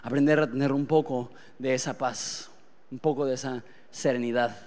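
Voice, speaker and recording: A man, preaching a sermon in a conversational way, dropping to quiet asides and rising to loud, emphatic outbursts. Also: medium pitch, fairly even intonation, normal speed, big-room sound. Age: late 20s. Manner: conversational, uses rhetorical questions.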